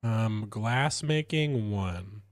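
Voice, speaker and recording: A man's voice: very slow, no echo, studio quality. Stuffy-nosed man streaming a game. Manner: chatty, rambling, lively pitch swings. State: stuffy from a cold. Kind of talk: casual gameplay commentary.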